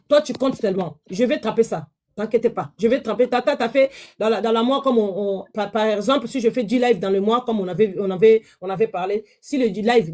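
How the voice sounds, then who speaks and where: A woman, hosting a live-stream sales pitch from her phone, chatty and repetitive, pleading with viewers. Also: darkish tone. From DR Congo.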